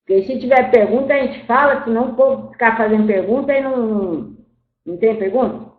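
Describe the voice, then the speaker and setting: A woman's voice: a little high, a little fast, phone-quality sound, close to an everyday voice. A woman voicing the spirit of an old, once-enslaved grandmother. In a channeled spiritual talk, she scolds her listeners and calls them "my child". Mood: scolding. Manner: storytelling, repeats "my child", scolds then grieves. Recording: roomy echo.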